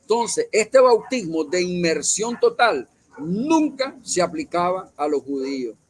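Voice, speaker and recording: A man's voice: high voice, very animated, unhurried, dry recording. A man leading a Bible study, explaining at length, with many fillers and self-corrections. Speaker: church leader.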